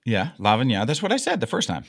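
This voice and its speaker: A man's voice: a little high, wildly swooping pitch, fast talker, creaky, fairly bright tone, husky, no echo, studio quality. A man hosting a business podcast, reading a scripted intro and then chatting in a joking, self-deprecating way over a video call from an office. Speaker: podcast host and company founder. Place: office headquarters.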